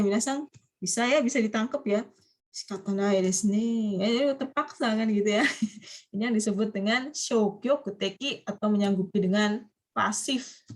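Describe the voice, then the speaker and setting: A woman teaching a university Japanese class online, prompting students to finish each phrase. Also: on the high side. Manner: coaxing students to complete phrases. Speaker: Japanese language lecturer.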